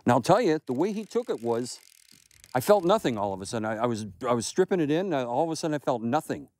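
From a small boat on a lake, an older fishing show host talks fast in a medium-pitched voice with no echo, exclaiming and laughing excitedly as he fights fish in this on-the-water commentary.

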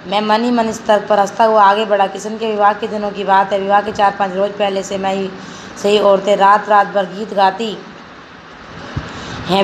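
A woman teacher reads a textbook story aloud to her class. Her voice is flat and level, with little rise and fall. She keeps a steady pace but often stumbles and corrects herself, and faint noise sits behind her. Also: medium pitch, low-quality recording. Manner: steady reading with frequent slips and self-corrections.

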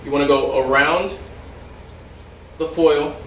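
A young man explains and demonstrates wine service in a steady teaching manner, with a voice a bit higher than most men's. He is recorded from across a home dining room, so his voice sounds distant. The room adds a noticeable echo and a faint hum of ambience. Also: slow. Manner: steady explanatory delivery, some loose asides. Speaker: restaurant server trainer. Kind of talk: instructional demonstration. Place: dining room in a house, indoors. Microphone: far camera, no visible mic. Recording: roomy echo, mic far off.

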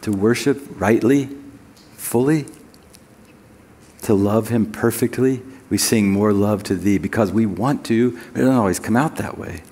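Low-voiced man preaching in a reverberant hall. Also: a little mellow. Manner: conversational, joking asides; reads scripture slowly and deliberately. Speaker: pastor. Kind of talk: sermon.

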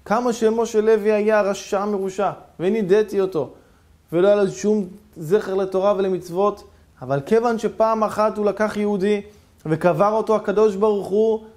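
A man voicing a wise old town rabbi who speaks slowly and solemnly. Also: high-pitched, a little mellow, voice pushed up, natural voice. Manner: slow, measured, solemn.

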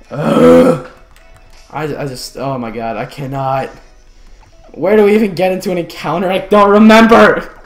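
A male live streamer reacting to his gameplay, loud, excited and heavily profane. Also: a little high, reverberant.

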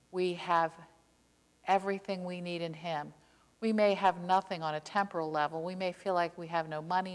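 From a church pulpit, an older woman with a lowish voice delivers an earnest, impassioned sermon as a pastor. She slows down and presses hard on key words to drive them home, and a long sanctuary reverb trails her voice through a clip-on mic.

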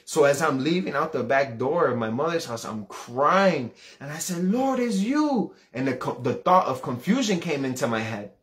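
An earnest man in his thirties tells a personal religious testimony in a mid-pitched voice. He talks fervently, repeating words and restarting as the story builds. His voice climbs sharply when he relives the moment. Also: lively intonation, normal speed, hardly any pauses, a bit bright. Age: 30s. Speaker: preacher sharing testimony.

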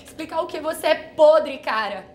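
A woman's voice: high-pitched, expressive, moderate pace, a little mellow. A woman playing a bitter, betrayed young woman. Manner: bitter, cutting accusations. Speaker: actress in a drama exercise. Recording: echoey room with light noise.

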